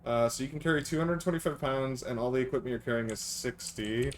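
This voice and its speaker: A man's voice: medium pitch, quick pace. A man acting as game master, narrating a tabletop game casually and often thinking aloud with some hesitation.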